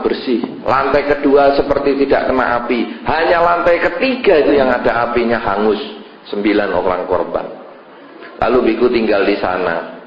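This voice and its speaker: A man, a Buddhist monk giving a sermon as a lively storyteller who acts out scenes with sudden jumps in his voice. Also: fairly high pitch. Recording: echoey hall, dull lo-fi sound.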